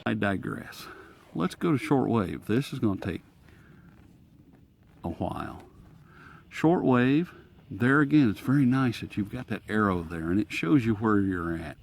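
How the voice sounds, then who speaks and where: A radio reviewer and host casually demonstrates a gadget hands-on, thinking aloud in a folksy, informal way. His voice sits on the low side and is very animated, unhurried, with frequent pauses. Clear static and radio noise can be heard behind him.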